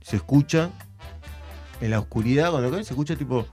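Man, halting anecdote, mid pitch. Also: warm tone, soft background music. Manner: halting anecdote telling with restarts.

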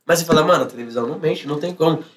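A music artist with a São Paulo accent chats casually as an interview guest, speaking very fast in heavy street slang and often acting out imagined reactions. His voice is on the high side and a bit bright, recorded from a distance.

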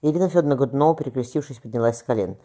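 Male audiobook narrator, rapid plain reading, mellow dark tone. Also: mid-range voice. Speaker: audiobook reader.

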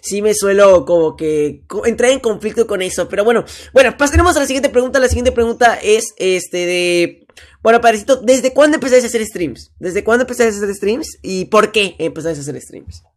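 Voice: mid-range voice, brisk. A young podcast host with a Mexican accent, chatting casually and rambling with lots of fillers.

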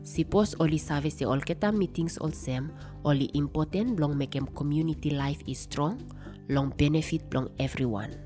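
A woman's voice: sits low, normal speed, dark tone. A woman with a ni-Vanuatu accent reading scripted narration in Melanesian pidgin. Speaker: podcast narrator. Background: music.

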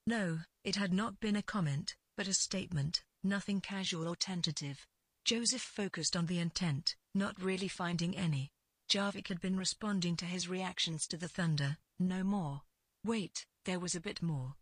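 Reading literary fiction, a woman uses measured, deliberate phrasing in a slightly low, distinctly husky voice. The recording is dry, with almost no room sound and no echo.

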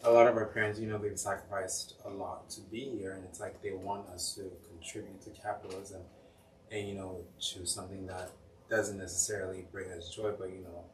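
A young man from Cameroon, a guest on a podcast, talks in a chatty, joking way, full of "um" and "like". His voice is low. He is recorded off-mic in an echoey room with faint background hiss. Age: young adult. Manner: chatty and jokey, many "um" and "like". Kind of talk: casual interview chat. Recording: roomy, distant mic, faint noise.

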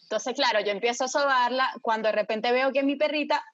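A woman with a fairly high voice tells a story to friends in a casual, dramatic way. She swears freely and keeps asking whether they follow her. The sound is dry and close, with a slightly dull, lo-fi quality. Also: fairly quick, no echo. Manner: lively, dramatic, swears freely, asks listeners for agreement.

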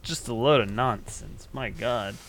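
A man's voice: mid-range voice, unhurried, fairly bright tone, a little hiss or hum. A man co-hosting a casual podcast, throwing in joking, mocking interjections. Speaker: podcast co-host.

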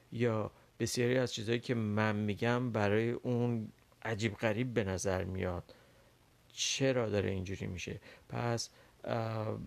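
A man whose first language is Persian, teaching a language lesson and explaining patiently with frequent pauses and fillers. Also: on the low side, gravelly. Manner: explains carefully with many pauses and fillers, models English words slowly. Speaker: English teacher.

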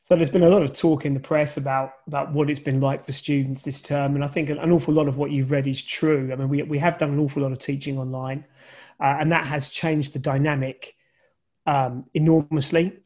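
A man's voice: fairly high pitch, little pitch movement, fairly quick, darkish tone. A man who teaches journalism, answering interview questions thoughtfully over a video call and often restarting his sentences. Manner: thoughtful, many restarts and fillers. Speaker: journalism lecturer.

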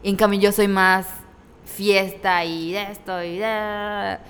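A woman's voice: medium pitch, slow pace, clear, resonant tone. A young woman chatting casually about her mother, quoting her own reactions. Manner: relaxed storyteller, quotes her own reactions. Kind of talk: casual chat. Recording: long reverb.

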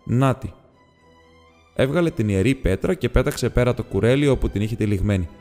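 A man narrating an audiobook in a steady, measured reading voice. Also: medium pitch. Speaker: audiobook reader. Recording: long reverb with faint music.

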